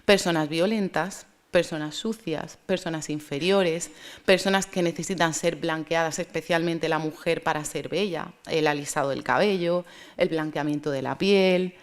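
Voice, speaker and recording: A woman speaking at a conference, lecturing in a measured, thoughtful way with pauses and restarts. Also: sits low, steady tone.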